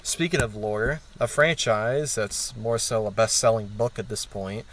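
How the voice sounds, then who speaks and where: A man's voice: fairly low pitch, a little slow, heavy background noise. A man hosting his own channel, talking through plans in a candid, rambling monologue with frequent swearing. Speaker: channel host. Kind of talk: casual channel update monologue.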